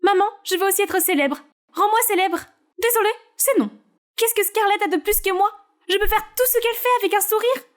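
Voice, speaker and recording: A woman voicing an eager, excitable younger sister who gushes. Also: very high-pitched, fairly quick, pitched above the performer's own voice. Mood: pleading. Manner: gushing and eager.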